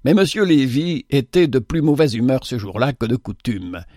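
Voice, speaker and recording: A man reading a novel aloud in a measured, expressive manner. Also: mid-range voice, dry recording, studio quality. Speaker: narrator. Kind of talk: scripted narration of a novel.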